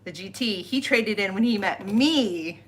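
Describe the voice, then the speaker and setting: A woman's voice: mid-range voice, animated, measured pace, fairly bright tone, slight background noise. Woman chiming in with teasing asides. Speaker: host's wife. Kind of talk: casual chat. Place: home garage.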